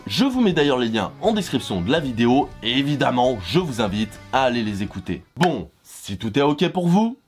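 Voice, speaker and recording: A man's voice: medium pitch, darkish tone. A young man giving scripted, enthusiastic commentary on music, with a self-mocking humor. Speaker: music reviewer.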